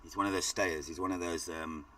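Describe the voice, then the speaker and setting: South african guy calling a cricket match, really low voice, kinda rambly, sounds a bit far off the mic. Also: steady tone, fairly quick, sharp tone, slight background noise. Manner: chatty, rambling, lots of fillers. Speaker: cricket commentator. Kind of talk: live cricket commentary.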